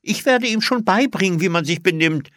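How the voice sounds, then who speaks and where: A man voicing an eager, small young woman who talks in an excited, squeaky voice. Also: normal speed, dry recording, clean studio sound.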